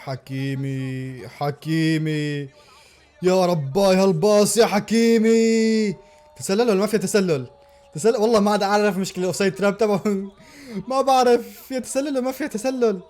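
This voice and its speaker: A man reacting live to a football match, excitable and full of repeated exclamations. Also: high-pitched, fast.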